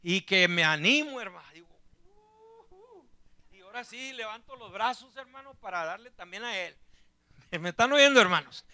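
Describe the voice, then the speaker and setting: A man preaching a sermon in church, fervent and emotional, constantly calling out to his brothers and rising to shouts. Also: sits high, expressive, fairly quick. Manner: fervent, calls out "hermano" constantly, rises to shouting.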